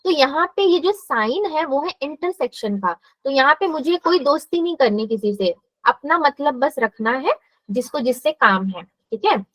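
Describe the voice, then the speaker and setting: A woman's voice: sits high, lively intonation, moderate pace, a bit bright, no room sound, rough recording. A woman math teacher giving a live classroom lesson, explaining step by step and asking her students questions.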